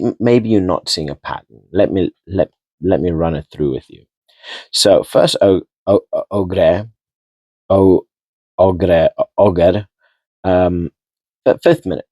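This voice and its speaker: Low-voiced man chatting through a rugby recap. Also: a little mellow, no room sound. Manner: chatty, rambling, repeats and restarts words, mild swearing. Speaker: rugby vlogger. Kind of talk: casual spoken match recap.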